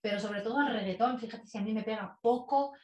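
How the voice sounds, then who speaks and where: Chatty, expressive woman in an echoey room. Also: fairly high pitch, fast, a crowd in the background. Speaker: guest, public speaking expert. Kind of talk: casual conversational interview. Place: in person in a room with the host.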